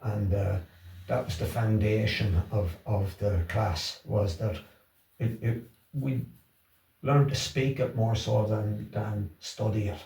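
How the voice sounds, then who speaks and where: A man's voice: on the low side, fairly even intonation, takes it slowly, creaky, warm tone. A middle-aged or older man with a Wexford Irish accent, chatting casually in an interview, hesitating and repeating his words as he goes. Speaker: interview guest, Irish language class organiser. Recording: roomy echo, distant from the mic.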